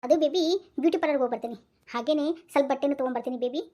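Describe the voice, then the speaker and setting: A woman's voice: sits high, very fast, dark tone. A woman voicing a bossy young wife in a Kannada cartoon, with a North Karnataka accent, scolding and coaxing by turns. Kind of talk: cartoon voice acting.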